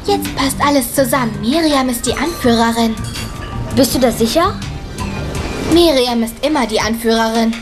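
A woman's voice: on the high side, moderate pace, close to an everyday voice. An actress voicing a bossy, scheming younger girl who gives commands. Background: music.

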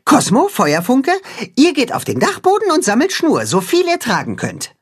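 A man's voice: very high-pitched, huge pitch swings, breathy edge, pitched above the performer's own voice, full character voice. A man doing a bossy, clever cat-hen leader. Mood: commanding. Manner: brisk, commanding.

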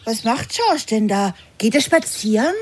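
A woman's voice: fairly high pitch, very animated, unhurried, slightly rough, no room sound, full character voice. A woman playing a scatterbrained, nervous young female lizard in a children's audio drama, eager and childlike. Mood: busy, chatty.

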